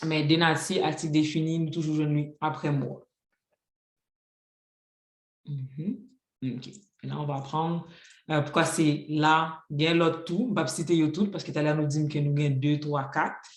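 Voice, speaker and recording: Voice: medium pitch, steady tone, a little slow. A teacher giving a classroom grammar lesson, patiently spelling out rules with examples and saying "ok, donc" often. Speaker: Haitian Creole teacher. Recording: roomy echo.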